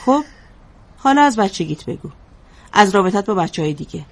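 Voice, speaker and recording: A calm female therapist, played by an actress, who presses her client with steady questions. Her voice sits at an ordinary pitch. It is a drama scene. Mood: probing. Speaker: psychologist. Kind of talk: drama dialogue.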